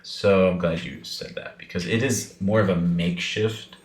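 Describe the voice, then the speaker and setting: A man running a tabletop game as game master, voicing its characters in a halting, soft-spoken way. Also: sits low, fairly even intonation, echoey room.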